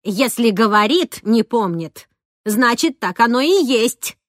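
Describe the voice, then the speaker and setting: A woman's voice: mid-range voice, very animated, unhurried, a bit bright, no echo, clean studio sound. A woman reading an audiobook, voicing a blunt, protective nanny of fifty who scolds. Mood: stern. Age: 50s. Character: stern, gruff female nanny, fifty, protective. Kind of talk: audiobook character voice.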